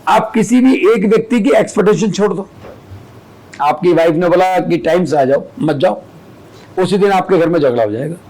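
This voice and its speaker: A man's voice: high-pitched, normal speed, a little mellow, poor audio. A man speaking as an astrologer guest on a podcast, explaining steadily with everyday examples from family and school life.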